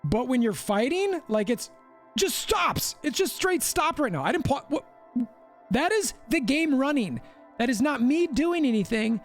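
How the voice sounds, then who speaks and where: Animated man narrating gameplay. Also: very high voice, unhurried, soft background music. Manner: animated, exasperated, repeats for emphasis. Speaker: gaming channel host. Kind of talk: gameplay commentary.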